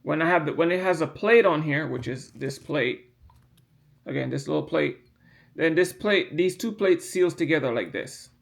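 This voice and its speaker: A man's voice: a little high, lively intonation, moderate pace, gravelly. A man casually explaining a printer part as he handles it, rambling, repeating himself and stressing key points. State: yawning from medication. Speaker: hobbyist explaining printer repair. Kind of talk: casual hands-on demonstration.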